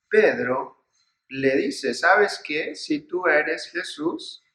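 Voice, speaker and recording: Priest man preaching, kinda high bright voice, lots of repeating and questions, echoey room. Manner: earnest, repetitive build-ups with rhetorical questions. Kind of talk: spoken reflection, sermon-like.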